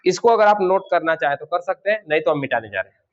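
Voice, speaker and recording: A man with a high-pitched voice teaches grammar to a classroom. He keeps firing questions at his students and then supplies the answers himself. The recording sounds dull and low-fidelity. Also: expressive, fast. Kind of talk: classroom lesson.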